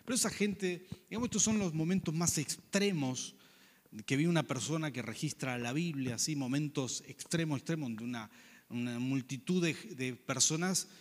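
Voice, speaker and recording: A man's voice: on the high side, normal speed, long reverb tail. A man preaching a sermon, earnest and conversational, often asking the listeners questions.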